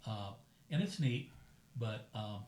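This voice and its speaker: A man's voice: on the low side, takes it slowly. Older man telling stories in an echoey room. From United States. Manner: storytelling, relaxed and chatty. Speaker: host. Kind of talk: casual dinner conversation. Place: room at a dinner gathering. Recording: echoey room with faint background noise.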